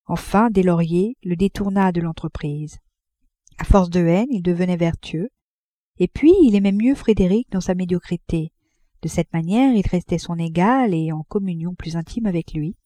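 A woman narrating a classic novel in a measured, even storytelling manner. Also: lowish voice, no room sound, clean studio sound. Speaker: audiobook narrator.

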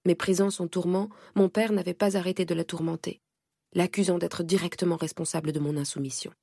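A woman narrates a first-person audiobook in a measured, steady way. Her voice is low and gravelly with a husky edge. The recording is close and dry, with no room sound. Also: no room sound.

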